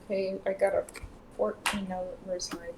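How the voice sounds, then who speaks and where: A woman's voice: medium pitch, level tone, moderate pace. A woman playing a tabletop role-playing game, talking casually and in character. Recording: clear background noise.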